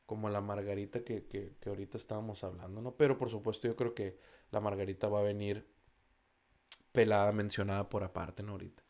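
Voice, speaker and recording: A man's voice: on the low side, fairly even intonation, fairly quick, a little mellow. A man with a Mexican accent chatting casually in slangy, profane Spanish, stumbling over foreign food names as he reads a list. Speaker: vlogger. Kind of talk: casual chat reading a list.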